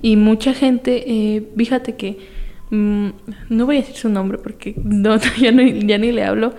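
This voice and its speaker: A young woman with a Mexican accent speaks in an easy, chatty podcast manner. Her voice sits a little high with a mellow, dark tone. She rambles through stories, quoting people with little acted voices. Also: steady tone, a little slow. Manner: chatty storyteller with fillers, acts out quoted voices. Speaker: podcast guest. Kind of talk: casual chat.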